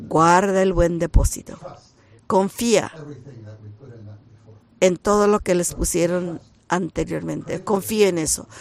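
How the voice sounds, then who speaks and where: A man preaching a sermon, talking in a shy, halting way that rises into emphatic bursts. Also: high-pitched, creaky, darkish tone.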